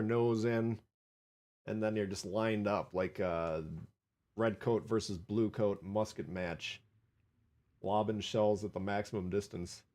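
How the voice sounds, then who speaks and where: A man with a Minnesota accent hosting a live game stream, chatting casually, joking and reading viewer comments aloud. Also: on the low side. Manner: chatty, wisecracking, reads viewer chat aloud. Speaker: livestream gaming host.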